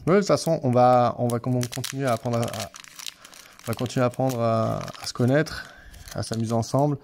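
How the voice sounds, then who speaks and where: A man with an accent and a mellow, darker voice, chatting to viewers as he opens card packs. He hesitates, repeats words and stammers a little. The recording has faint background noise. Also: mid-range voice, fairly quick. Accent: non-standard French accent. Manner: chatty, often addresses viewers directly. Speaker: card-opening channel host. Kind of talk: casual unboxing commentary. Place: office.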